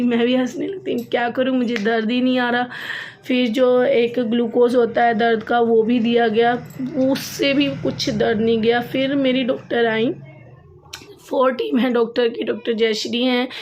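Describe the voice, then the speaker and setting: Young female vlogger, slightly high voice, casual storytelling, repeats herself for emphasis. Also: a little mellow, a little hiss or hum. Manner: chatty, repeats phrases for emphasis, laughs at herself.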